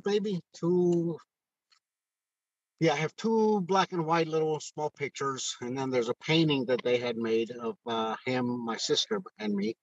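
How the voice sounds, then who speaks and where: Heard through phone-call audio, this interview guest is a retired first sergeant from Mexico in his sixties. He speaks with heartfelt earnestness in a mid-range voice, stumbling through many restarts and fillers in a candid conversation. The lo-fi recording has no room sound.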